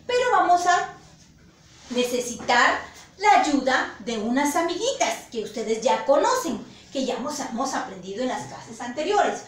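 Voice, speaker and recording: A female teacher with a Peruvian Spanish accent, leading a slow, encouraging phonics lesson and repeating the answers back. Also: high-pitched, very animated. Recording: echoey room, voice from far off.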